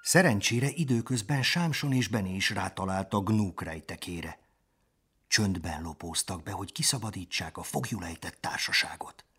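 A man narrating a children's storybook in an expressive, lively way. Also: deep voice. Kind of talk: storybook reading.

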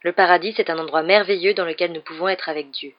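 A woman reading aloud and voicing a big, gentle, kindly man in a calm, soothing tone. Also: on the low side, fast, muffled recording, lightly acted.

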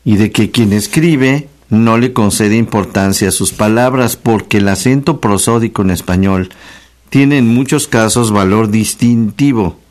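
Mexican male radio host, lowish voice, teacherly and chatty, slows down to repeat key words. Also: darkish tone. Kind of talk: casual radio talk on spelling. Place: radio studio.

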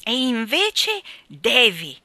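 A cheeky young rascal of a boy, voiced by a woman narrator, loud and taunting in a storybook reading. His tone is bright and forceful, and the recording is dry and close, with no room sound. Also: fairly high pitch, huge pitch swings, extremely slow, no echo, pitched above the performer's own voice, full character voice. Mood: defiant. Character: cheeky defiant young boy, boastful troublemaker.

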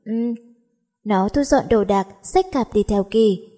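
A woman narrating a story as an audiobook reader, in steady storytelling. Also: mid-range voice, measured pace. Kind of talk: audiobook narration of a teen romance.

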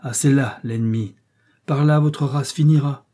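A man's voice: mid-range voice, fairly even intonation, measured pace, warm tone, natural voice. A man reading an audiobook, voicing a stern, commanding father figure who scolds and warns. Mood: grave.

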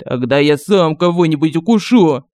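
A woman puts on a crafty male royal advisor who moans and pleads, overly gushing and theatrical. He sounds clear and smooth, a little low and mellow, and the recording is close and dry. It suits a comic fantasy audiobook. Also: normal speed, dry recording, natural voice. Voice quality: whiny, theatrical groaning. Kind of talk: audiobook character voicing.

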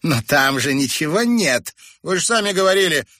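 A man voicing a calm, curious boy who asks pensive questions in a storybook. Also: medium pitch, a little fast, husky, dry recording, studio quality, voice pushed up.

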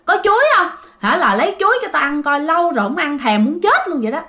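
A woman's voice: high-pitched, sing-song, fast, bright, forceful tone, pitched above the performer's own voice, full character voice. A woman voicing a cranky bedridden old man who has come back from death and scolds his children. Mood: demanding.

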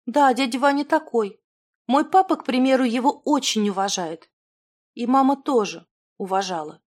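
A woman's voice: fairly high pitch, normal speed, darkish tone, voice pushed up, natural voice. A woman voicing a timid, earnest young woman in love who talks shyly and pleads. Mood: sad.

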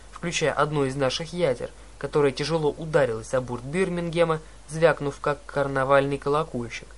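A man narrates a first-person adventure novel aloud. His delivery is dramatic and animated, and his voice sits a touch high for a man. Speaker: audiobook narrator.

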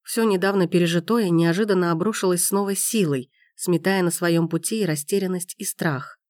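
A woman narrating a romance novel in an even, expressive reading voice. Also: lowish voice, a little fast, no echo, studio quality. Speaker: audiobook narrator.

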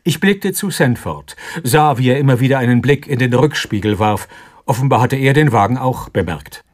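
A nervous Swiss businessman, played by a male actor, recounts his scare in a tense, quickened first-person telling. His voice sits a bit higher than the narrator's, in an audiobook-style radio production. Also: lively intonation, natural voice.

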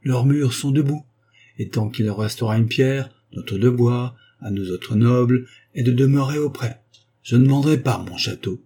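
A man reading an audiobook voices a proud, stubborn old spinster noblewoman with a haughty, dignified manner, raising his voice well above his own. His tone stays mellow and a little husky. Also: medium pitch, normal speed, pitched above the performer's own voice.

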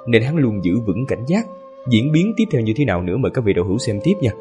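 A man with a hoarse voice narrating a serialized story as the channel host, in a relaxed, chatty way. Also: medium pitch, quick pace, over music. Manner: relaxed, chatty asides with fillers.

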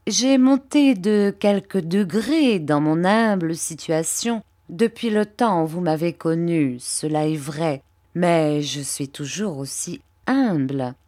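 A woman voicing a fawning, falsely humble young male clerk in an audiobook, speaking slowly and unctuously. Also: lowish voice, darkish tone. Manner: unctuous, slow, ingratiating. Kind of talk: audiobook character reading.

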